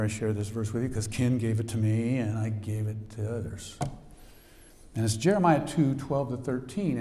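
A man preaching a sermon as pastor, telling a story with lively sound effects and swings in energy. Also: medium pitch. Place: church sanctuary. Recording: echoey church hall.

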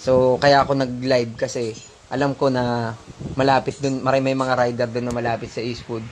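Here a male delivery rider recounts his own experience to viewers, casual and emphatic, addressing them as sir and bro. His medium-pitched voice is level and fairly quick, with a slight hiss or hum in the audio.

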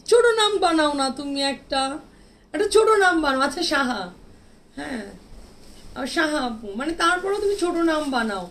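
A Bangladeshi woman with a high, slightly bright voice runs a live clothing sale as an online boutique seller, showing dresses while chatting casually. She reads out viewer comments and answers them, sprinkling in English words. There's slight background noise.

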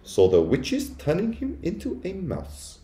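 A man's voice: high-pitched, wildly swooping pitch, unhurried, warm tone, pitched above the performer's own voice, exaggerated voice. A man voicing a kindly old grandmother in a storybook, patient and polite but firm and insistent. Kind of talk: children's storybook character voice. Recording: echoey room.

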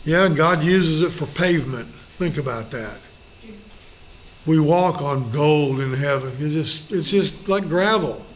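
A man's voice: a little high, a little slow, a little hiss or hum. A middle-aged male pastor leading a Bible study, folksy and joking, acting out little quotes.

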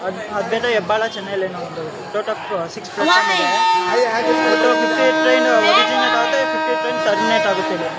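Fast-talking young rail fan. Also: male voice, high voice, lively intonation, loud music behind the voice. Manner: reels off train numbers and routes, with restarts. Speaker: train travel vlogger. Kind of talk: casual on-board commentary. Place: open door of a moving train at busy stations. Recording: loud train and crowd noise.

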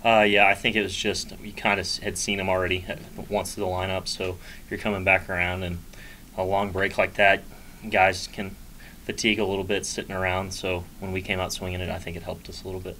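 Young ballplayer with a very low, flat voice. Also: male voice, a little fast, a little hiss or hum, poor audio. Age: young adult. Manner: easygoing, brief plain answers. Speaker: college baseball player. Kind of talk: postgame press conference answers. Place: small press room in front of a sponsor backdrop.

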